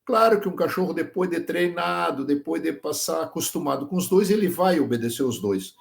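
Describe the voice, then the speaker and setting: A man's voice: on the high side, expressive, brisk, gravelly. A man, a guest on a podcast, explaining working dogs with farm examples and checking that the listener follows. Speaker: guest, sheep dog trainer. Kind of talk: casual podcast interview.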